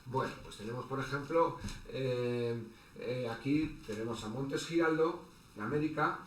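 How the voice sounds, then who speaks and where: A man giving an online lecture as a teacher, halting, with many fillers and restarts. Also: mid-range voice. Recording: echoey room with faint background noise.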